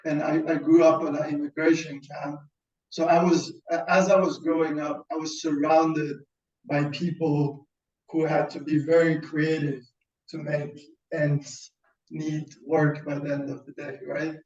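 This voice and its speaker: A man's voice: a little high, flat delivery, measured pace, darkish tone. A man from Iran who grew up in Sweden, giving a webinar talk on a video call and often restarting his words. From Iran, raised in Sweden. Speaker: founder presenting a webinar. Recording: distant roomy lo-fi sound.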